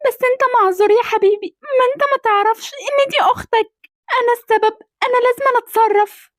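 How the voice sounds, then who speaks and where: A woman's voice: extremely high pitch, fast talker, dry recording, clean studio sound. A woman voicing a poor, guilt-ridden birth mother in an amateur cartoon drama, lamenting and begging. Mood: distraught.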